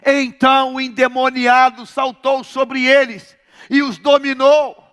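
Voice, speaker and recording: A male pastor from Brazil with a Rio de Janeiro accent, preaching a sermon in a large church, telling a story dramatically and swinging between shouts and near-whispers. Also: very high-pitched, little pitch movement, a little slow. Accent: Rio de Janeiro Portuguese.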